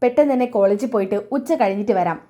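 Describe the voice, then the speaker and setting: A woman's voice: fairly high pitch, fast, dark tone, natural voice. A woman reading the lines of a weary young male college student arguing with his mother. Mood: pleading.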